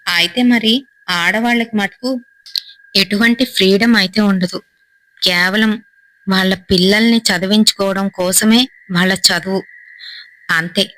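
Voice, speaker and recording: A woman narrating a horror story in a steady, suspenseful storytelling manner, in short phrases. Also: mid-range voice, a little slow, pauses often, no room sound, rough recording.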